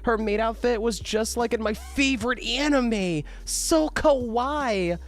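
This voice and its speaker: A man's voice: very high-pitched, measured pace, soft background music, voice pushed up. A man voicing an overexcited young male tourist who is obsessed with anime and peppers his speech with Japanese words. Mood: gushing. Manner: gushing, sprinkled with Japanese words.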